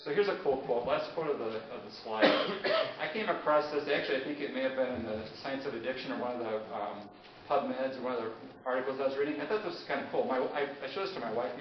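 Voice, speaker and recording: A pharmacist giving an informal public lecture, chatty and often checking in with the audience. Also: male voice, mid-range voice, fast talker. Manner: chatty, asks the audience questions. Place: meeting room with an audience. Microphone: handheld mic. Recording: echoey, dull, noisy room recording.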